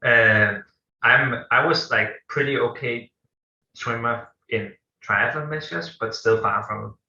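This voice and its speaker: This guest, a co-founder from Denmark in his thirties with a Danish accent, responds to an interviewer slowly, hesitating, restarting and using many fillers. His medium-pitched voice has a sharp tone, recorded in an echoey room with dull, lo-fi sound.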